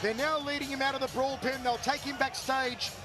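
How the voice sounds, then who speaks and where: A man calling a fight live as play-by-play commentator in a booming, dramatic announcer's delivery full of colourful catchphrases. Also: level tone, fairly quick. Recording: loud crowd and music behind. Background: loud crowd and music.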